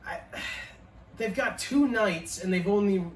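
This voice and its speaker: A man in his early forties co-hosts a relaxed podcast-style chat show, trading easygoing, foul-mouthed banter. His voice sits high and moves slowly, with crowd noise behind him, and the distant mic picks up an echoey room.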